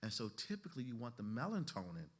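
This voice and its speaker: A man's voice: medium pitch, huge pitch swings, quick pace, slightly rough. A man lecturing a class of trainees in a conversational way, often saying "you know" and asking the room questions. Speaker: instructor teaching therapists.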